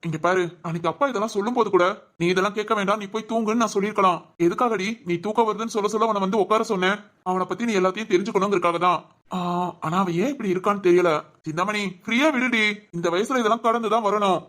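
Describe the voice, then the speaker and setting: A gentle, coaxing older brother in a family cartoon, voiced by a woman in her own mid-range voice. He talks quickly and warmly teases to calm his sister. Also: medium pitch, close to an everyday voice. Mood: reassuring. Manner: gentle, coaxing, affectionate teasing. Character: caring older brother, teasing and reassuring. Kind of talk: cartoon voice acting.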